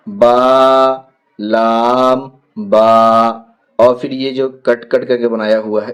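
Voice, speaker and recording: A man teaching a Quran reading lesson, stretching out each letter name, then explaining quickly in between. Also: fairly low pitch, a little mellow. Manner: drawn-out letter names called slowly, then quick explanations. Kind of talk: teaching a Noorani Qaida lesson.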